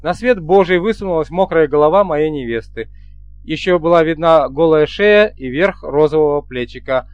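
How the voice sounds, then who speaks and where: A man narrating an audiobook in the first person, telling the story in a wry, lively way. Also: a little high, normal speed, no room sound, muffled recording.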